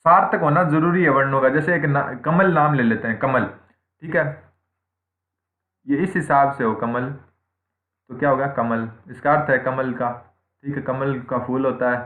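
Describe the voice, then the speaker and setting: A man with a medium-pitched, steady voice talks at normal speed, leaving long pauses. Teaching Hindi grammar in an online exam-prep class, he repeats points, answers the questions he asks, and checks in with "theek hai" after nearly every point. The room echoes and the sound is tinny, like a phone.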